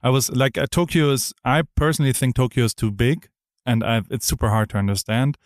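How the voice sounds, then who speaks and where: Brisk and enthusiastic, a middle-aged man rambles through a casual podcast interview he's hosting, restarting his sentences often. He has a medium-pitched voice, recorded at studio quality without echo.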